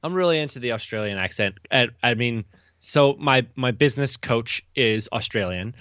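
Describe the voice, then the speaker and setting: Guy cohosting a wedding podcast, bright voice, playful, laughs a lot, dry close mic. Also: mid-range voice, animated, moderate pace, clear, resonant tone, dry recording, lo-fi sound. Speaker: podcast co-host, wedding photographer. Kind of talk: casual chat.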